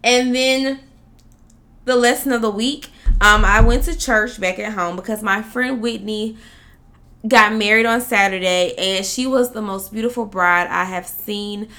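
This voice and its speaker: A woman's voice: medium pitch, fairly even intonation, measured pace, sharp tone. A woman hosting a podcast, upbeat and chatty, talking straight to her listeners. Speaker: podcast host. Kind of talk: casual podcast talk with read ad.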